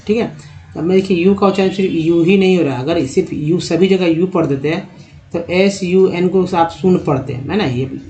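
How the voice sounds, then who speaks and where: Male tutor, slightly raised pitch, patient step-by-step explainer who spells words letter by letter and keeps checking that viewers follow. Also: a little mellow. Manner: addresses viewers as friends, checks understanding. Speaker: English teacher. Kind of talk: spoken lesson on English pronunciation.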